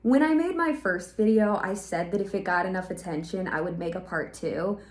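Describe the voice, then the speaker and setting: A woman's voice: medium pitch, moderate pace. Sarcastic woman with an echoey sound. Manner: sarcastic, animated. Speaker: video host. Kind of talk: comedic reaction commentary. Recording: roomy echo.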